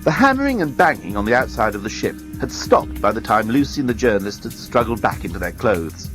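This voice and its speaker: Male storyteller, dramatic read-aloud narration, lively pitch, faint music behind. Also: fairly quick.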